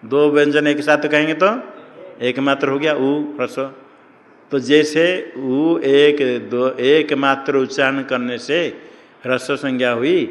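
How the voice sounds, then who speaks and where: A man gives a classroom lecture on Sanskrit grammar at an ashram. He keeps putting questions to his students and then answers them himself. His mid-pitched voice trails off into the long echo of a hall. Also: a bit bright, a little hiss or hum.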